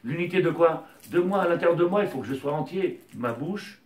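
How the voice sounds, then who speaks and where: A man leads a Torah lesson in an impassioned way, often pushing his high voice toward a shout. He sits some distance from the mic. The room rings with echo. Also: animated, brisk. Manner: impassioned, rises to near-shouting, mixes Hebrew terms. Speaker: rabbi teacher.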